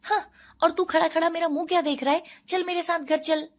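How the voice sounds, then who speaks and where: A woman voicing a sharp-tongued village mother who scolds loudly in a cartoon story. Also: steady tone, a little fast. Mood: angry scolding. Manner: shrill, scolding.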